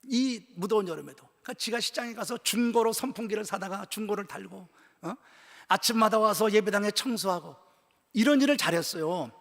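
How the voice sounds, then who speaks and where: An older male pastor with a fairly high voice preaches to his congregation. He tells his story in a hushed voice that drops nearly to a whisper, then climbs to loud, shouted peaks. The sound carries the long reverb of a large church hall. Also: a little fast, creaky. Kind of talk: sermon at a church retreat. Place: church sanctuary.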